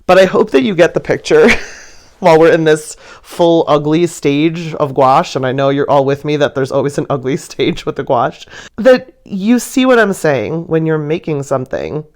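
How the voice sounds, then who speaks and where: An artist narrates a video of her own painting, chatting casually and telling stories to viewers in a playful, gushing manner, giggling and laughing through her sentences. Her voice is low, a little mellow, and animated, at a moderate pace.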